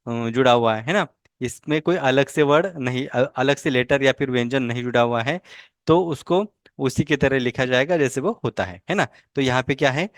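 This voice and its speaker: A man's voice: mid-range voice, moderate pace, no echo, studio quality. A man teaching an online language lesson, patiently explaining and repeating each word several times for learners to copy.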